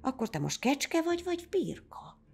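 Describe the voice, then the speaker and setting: A woman voicing a huge old male goat farmer who hollers in a booming voice. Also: huge pitch swings, gravelly, faint music behind, exaggerated voice. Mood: bewildered. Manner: loud hollering calls.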